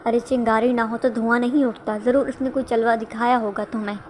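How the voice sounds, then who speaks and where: A woman reading the part of a scheming, sharp-tongued middle-aged mother in a storybook reading, with faint background noise. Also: on the high side, flat delivery, close to an everyday voice. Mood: angry. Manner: bitter, scolding.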